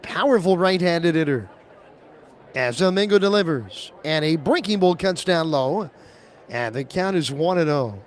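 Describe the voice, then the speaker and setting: A man calling a baseball game as play-by-play announcer on the radio, rising to excited calls on big pitches. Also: unhurried.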